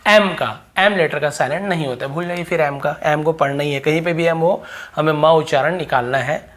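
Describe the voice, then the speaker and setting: Male teacher with a Hindi accent, patient drilling delivery, repeats example words slowly. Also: fairly high pitch, a bit bright. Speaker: English pronunciation teacher. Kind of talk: explaining silent-letter rules.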